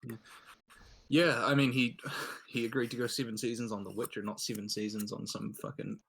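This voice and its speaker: A young man co-hosting a casual podcast, dropping wry, sweary asides. His voice is gravelly with a touch of fry, over a faint hiss of background noise. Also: mid-range voice, flat delivery, moderate pace, a bit bright, low-quality recording. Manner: wry, sweary, brief interjections. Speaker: podcast co-host. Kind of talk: casual chat.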